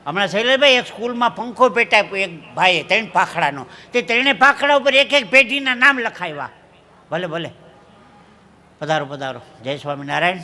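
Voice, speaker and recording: A stand-up comedian from Dwarka, Gujarat, India, tells jokes into a handheld stage mic at a folk gathering, laughing at his own punchlines. His voice is high, expressive and a little fast, with a sharp tone and a faint hiss or hum.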